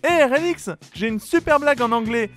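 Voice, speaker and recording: High-voiced man stumbling through a joke. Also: normal speed, over music. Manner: stammering over-explanation. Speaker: guest comedian. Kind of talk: deadpan joke explaining.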